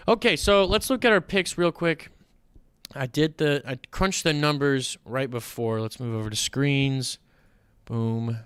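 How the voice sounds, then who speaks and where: A man hosting a casual fantasy football stream, chatty and animated, rambling with playful asides. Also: mid-range voice, clear, resonant tone. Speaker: fantasy football show host. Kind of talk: casual livestream commentary.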